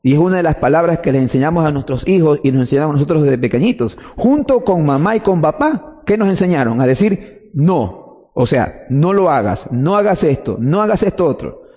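A man's voice: a little high, lively intonation, fairly quick, hardly any pauses, dark tone, slightly rough, in a large hall. A man preaching a teaching sermon, explaining step by step and answering his own questions.

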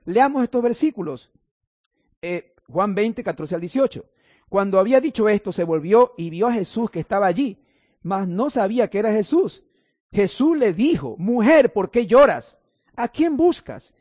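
A man's voice: sits high, lively intonation, normal speed, a little mellow, no echo, clean studio sound. A male pastor preaching a sermon, reading scripture aloud and explaining it, with playful asides to his congregation.

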